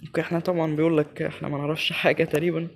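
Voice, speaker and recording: A man with an Egyptian Arabic accent giving excitable live commentary as he plays a game, talking straight to his viewers. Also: on the high side, very fast, creaky, background noise. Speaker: gaming channel host.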